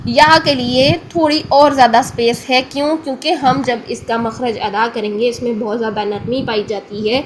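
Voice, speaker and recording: This Quran pronunciation lesson comes from a woman with a Pakistani Urdu accent whose high voice stays steady with few pauses. The recording is rough, with a bit of background noise. She teaches Tajweed patiently, going over each point again and checking in with her listener.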